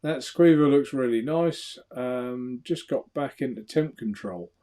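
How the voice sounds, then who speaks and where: A man's voice: mid-range voice, unhurried, warm tone. A man co-hosting a casual live vape show, reading out viewer comments and laughing often. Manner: chatty, laughs often, trails off into mumbles.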